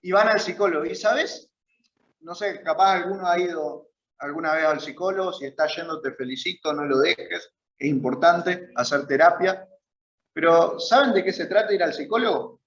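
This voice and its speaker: A man's voice: fairly high pitch, normal speed, roomy sound, highs cut off. A man with an Argentine Spanish accent teaching a church Bible class in a conversational way, often checking in with his listeners. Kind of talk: church Bible study lesson. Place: church meeting room.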